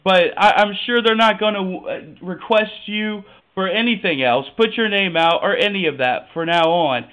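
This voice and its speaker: A nasal young man in his twenties taunts the person on the other end of a call, staying calm while he needles. His voice sits fairly high and sounds bright and sharp. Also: moderate pace, hardly any pauses, clean tone, poor audio. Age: 20s. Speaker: caller. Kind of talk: provoking phone call.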